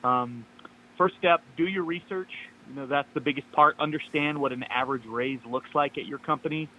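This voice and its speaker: A man phones in on speaker and gives upbeat, step-by-step advice during a casual chat. His voice is on the high side, and he talks at a normal speed.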